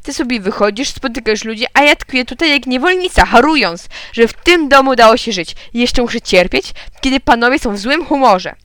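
A woman's voice: a little high, animated, a little fast, hardly any pauses, fairly bright tone, no room sound, clean studio sound. A woman reading a storybook and voicing a harried mother who scolds in an exasperated way. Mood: indignant.

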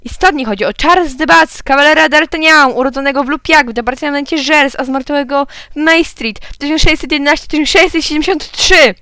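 A woman's voice: high voice, fairly quick, hardly any pauses, sharp tone, dry recording, pitched above the performer's own voice. A woman reading a storybook and voicing an upbeat male radio quiz host who exclaims his lines.

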